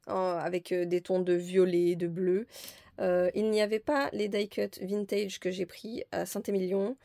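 A woman's voice: medium pitch, gravelly, mellow, no echo. A woman presenting a crafting haul in a casual, hesitant, chatty way with many fillers. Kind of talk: casual show-and-tell haul.

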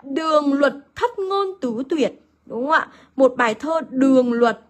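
A woman's voice: sits high, expressive, measured pace. A woman teaching an online literature lesson, asking her students questions, answering them herself and repeating key points. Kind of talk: online lesson explaining a poem.

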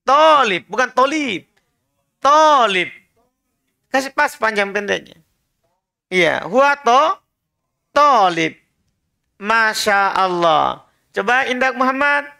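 Guy teaching arabic, super bright sharp tone, talks slow, keeps repeating prompts patiently. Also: high voice, sing-song, creaky, clean tone. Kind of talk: classroom drilling lesson. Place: prayer room classroom.

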